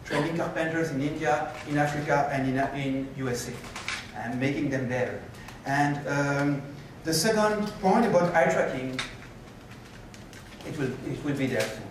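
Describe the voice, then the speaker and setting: A man giving a conference keynote and answering questions, animated and moving about the stage, recorded from a far camera in a lecture hall. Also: on the high side, moderate pace, noisy background. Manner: animated, gestures while pacing the stage. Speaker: keynote speaker. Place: lecture hall with projector screens. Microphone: far room camera.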